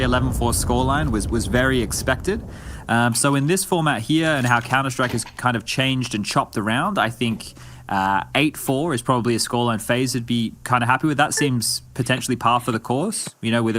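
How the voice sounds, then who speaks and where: A man's voice: medium pitch, background noise. Chatty male esports analyst. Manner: conversational and analytical, with fillers and restarts. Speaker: esports color commentator. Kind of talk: analytical esports color commentary.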